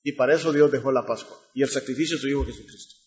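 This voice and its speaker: A man's voice: mid-range voice, steady tone, very fast, a little mellow, highs cut off. A man preaching a sermon, reading scripture and asking the congregation rhetorical questions.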